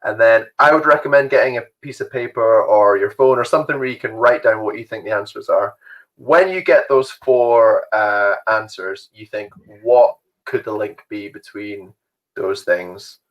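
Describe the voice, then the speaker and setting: A man's voice: lowish voice, normal speed, dull audio. A young man hosting an online youth quiz from home, chatty and rambling, laughing often. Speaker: youth group host.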